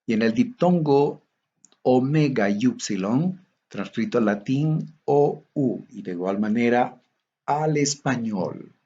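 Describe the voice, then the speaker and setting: Slow, husky man reading Greek letter tables. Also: mid-range voice, lively intonation, dark tone, highs cut off. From Bolivia. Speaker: theology lecturer. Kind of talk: recorded online lecture.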